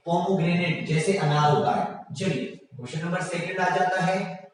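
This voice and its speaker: A man teaching a general science class online, reading out quiz options slowly and praising his students often. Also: high voice, fairly even intonation, very echoey, in a large hall, far from the mic, rough recording.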